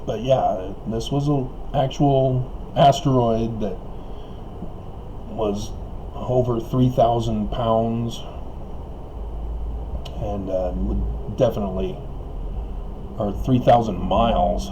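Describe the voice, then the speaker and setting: Slow and pausing often, this man speaks in a lowish, steady voice in a muffled recording with a noisy background. He's an online video commentator giving a rambling solo monologue, chuckling between remarks, full of fillers and restarts, as his voice tires and he coughs.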